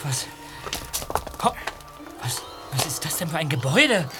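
Nervous teen boy detective in a radio play, high excitable voice, stammers, music behind. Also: a little slow. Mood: wary. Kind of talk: German audio drama acting.

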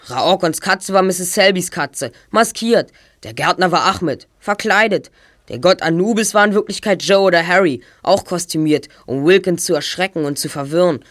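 A man's voice: high voice, moderate pace, a bit bright. Justus Jonas, self-assured boy detective. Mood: confident. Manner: precise, deductive explaining. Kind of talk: German children's detective audio drama acting.

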